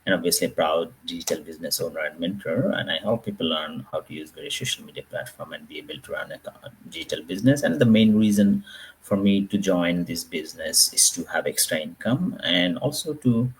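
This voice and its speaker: A man, introducing himself on a webinar panel in a measured way with frequent pauses, over a video call. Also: low voice, lively intonation, husky, low-quality recording. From Bangladesh.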